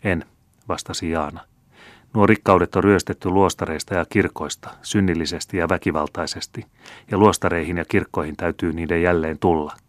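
A man's voice: low-pitched, fairly even intonation, dry recording, natural voice. A male narrator voicing a devout old woman accused of witchcraft, answering in a dry, curt, firm way. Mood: defiant.

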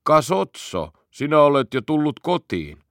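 A man voicing a gruff male police constable in a children's audiobook. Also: a little high, very animated, fairly bright tone, dry recording, studio quality, voice pushed up.

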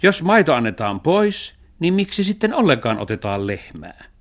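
A man voicing a thrifty, sensible male cat in a children's radio story, talking in a dry, reasoning way with a sharp tongue. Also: a little high, sing-song, pitched above the performer's own voice. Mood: grumbling.

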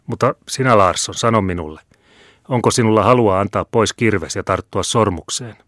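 A man's voice: on the low side, a bit bright, no room sound, studio quality, lightly acted. A man reading as a bitter old peasant leader. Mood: proclaiming. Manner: stern, proclaiming.

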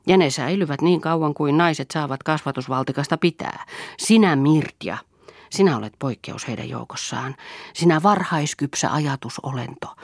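A gravelly, husky older man talking low and slow about the past, melancholy and a bit self-mocking, as a woman narrator reads him in a storybook reading. the sound is close and dry. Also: dry recording, heavily acted. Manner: low, quiet, reflective.

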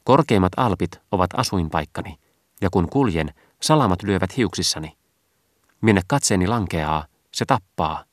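A man's voice: deep voice, expressive, no echo, studio quality. A man voicing Chastity, an icy, stern maiden figure in a storybook reading, cold and commanding.

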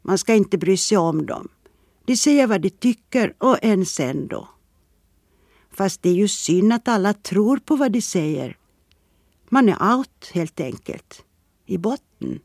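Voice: mid-range voice, big pitch swings, darkish tone, no room sound, studio quality. A reader voicing a weary, resigned male pub regular speaking in a reflective way, in a storybook reading.

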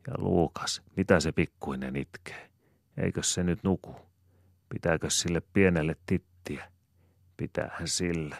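A man's voice: low voice, vocal fry, dry recording, studio quality. A man voicing a bustling, fond rural mother who rambles in homely chatter and croons lullabies to her baby.

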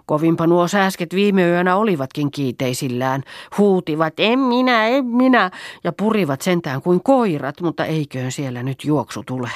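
A woman's voice: on the low side, expressive, no echo, studio quality, lightly acted. A woman reading the part of a chatty young peasant girl in an audiobook play, with a lightly mocking manner.

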